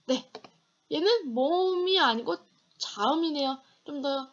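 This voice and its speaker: A Korean woman teaching an online English grammar lecture, reading English example sentences slowly and deliberately. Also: high voice, animated, lo-fi sound.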